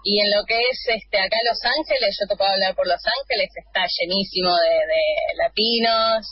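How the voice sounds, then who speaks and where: A woman's voice: medium pitch, normal speed. A woman with an Argentine accent, a guest in a casual radio interview, talking chattily with many hesitations and easy laughter. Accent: Argentine Spanish. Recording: dull lo-fi line with faint hiss.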